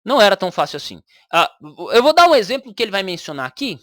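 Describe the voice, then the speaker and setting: A woman's voice: medium pitch, sing-song, fast talker, dry recording, clean studio sound. A woman with a Brazilian Portuguese accent, giving argumentative reaction commentary on a video and repeating her points for emphasis.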